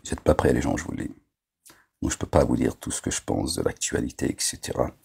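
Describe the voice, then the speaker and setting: A man's voice: extremely low pitch, expressive, fast talker, vocal fry, darkish tone, slightly rough. A man delivering a rambling, agitated monologue to his viewers, scolding them as a self-styled preacher, with constant verbal tics.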